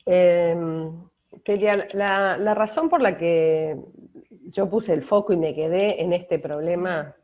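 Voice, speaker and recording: A middle-aged woman with an Argentine Spanish accent, answering interview questions thoughtfully with pauses and restarts. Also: on the low side, darkish tone. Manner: thoughtful, many fillers and restarts. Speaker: author being interviewed. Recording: dull lo-fi audio.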